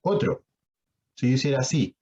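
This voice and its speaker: A man's voice: mid-range voice, normal speed, dark tone, slightly rough, muffled recording. A man with a Chilean accent giving an online lecture on sign language, explaining patiently and putting questions to his audience over a video call.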